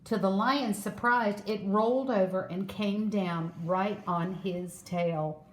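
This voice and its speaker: A woman reading a children's story aloud in a slow, expressive way. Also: mid-range voice, slight background noise. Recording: echoey room.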